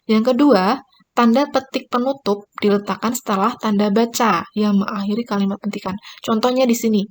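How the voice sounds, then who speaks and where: A woman's voice: a little high, steady tone, normal speed, a little hiss or hum. Woman teacher explaining grammar. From Indonesia. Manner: explanatory, pointing at examples on screen. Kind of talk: recorded classroom lesson.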